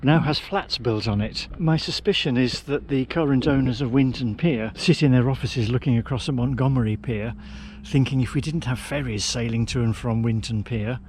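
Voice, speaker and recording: A man presents a travel vlog with dry, understated opinions. He talks casually at an average pitch, and noticeable noise, including vehicle sounds, runs behind his voice. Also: normal speed, hardly any pauses, a little mellow. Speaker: vlogger presenting a travel film.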